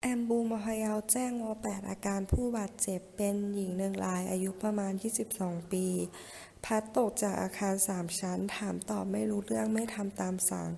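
Gravelly woman calling in over a walkie-talkie. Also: medium pitch, fairly even intonation, a little fast, warm tone, big-room sound. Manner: clipped, formulaic radio call-signs and codes, reads vitals steadily. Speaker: ambulance crew member. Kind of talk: radio procedure reporting in a training drill.

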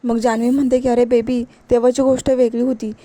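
A woman recaps a TV serial episode and slips into the characters' lines as she goes. Her voice sits a little high and sounds mellow. The recording is close and dry. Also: fast talker, no room sound. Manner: lively retelling, switches into quoted dialogue.

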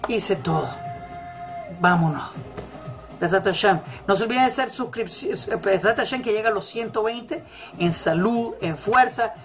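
A woman giving a motivational religious talk, emphatic and repeating her key phrases. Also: fairly high pitch. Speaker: religious teacher. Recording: faint music in background. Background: faint celebration music.

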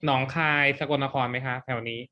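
Male teacher, mid-pitched, playful, runs a lively quiz-style class. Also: a little fast, highs cut off. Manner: playful, quizzing students for answers. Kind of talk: exam-prep classroom lesson.

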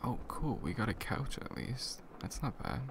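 A young man acting as a laid-back, caring best friend in a casual, intimate ASMR boyfriend role-play, murmuring conversationally with a gravelly voice. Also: medium pitch, very animated, normal speed. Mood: casual, relaxed. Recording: clear background noise, ambient sound.

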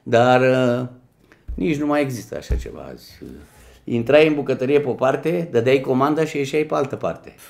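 Gravelly, animated man telling stories. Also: mid-range voice. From Romania. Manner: animated, acts out quoted voices and switches languages. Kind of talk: casual storytelling chat.

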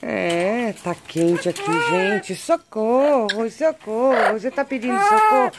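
A woman's voice: a little high, wildly swooping pitch, unhurried, heavy background noise. A Brazilian woman vlogging outdoors, filming on a handheld phone and baby-talking affectionately to her animals. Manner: affectionate, coos and baby-talks to pets. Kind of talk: casual vlog narration while filming. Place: outdoors among animal pens and a vegetable garden. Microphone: handheld phone camera.

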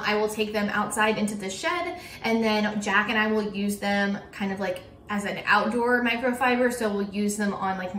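Young female home vlogger, casual and chatty, mid pitch, roomy sound. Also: a bit bright, far from the mic, slight background noise. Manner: chatty, with frequent "um" and "like". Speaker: cleaning vlogger and teacher. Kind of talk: casual chat to camera. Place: kitchen table at home, indoors.

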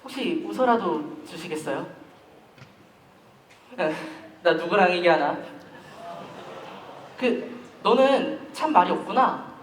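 A man's voice: high voice, expressive. A teenage boy in a school play, acting a chatty, easily offended schoolboy who grumbles a lot. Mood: awkward. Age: teens. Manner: talkative, quick to take offence, grumbling. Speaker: student actor in a school play. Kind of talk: amateur stage acting. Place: school stage. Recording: echoey hall, mic far from stage, faint noise.

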